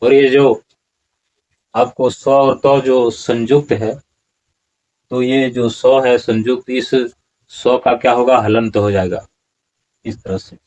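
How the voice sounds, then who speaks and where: A man teaching Sanskrit verse pronunciation in a slow, explanatory lesson, repeating words syllable by syllable. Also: mid-range voice, steady tone, a little mellow, dull audio.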